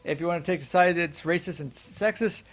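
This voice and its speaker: A young man co-hosting a casual film podcast, rambling with restarts and animated asides. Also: a little high, a little fast. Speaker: podcast co-host. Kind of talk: casual film review chat.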